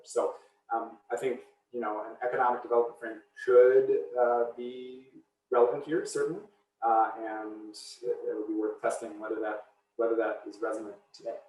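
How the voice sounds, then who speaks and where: Man, academic Q&A over a video call, mid-range voice, echoey room, far from the mic, halting with fillers. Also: mid-range voice, slight background noise. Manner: thinking aloud with frequent fillers and restarts. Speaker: seminar speaker. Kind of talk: academic Q&A answers. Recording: roomy, distant from the mic.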